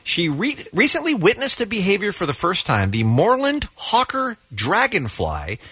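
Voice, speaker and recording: A man's voice: sits high, wildly swooping pitch, normal speed, pushed and bright, breathy edge, dry recording. A man hosting a comedy radio show, telling odd stories in a conversational, mock-earnest way. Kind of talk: comic radio banter and story telling.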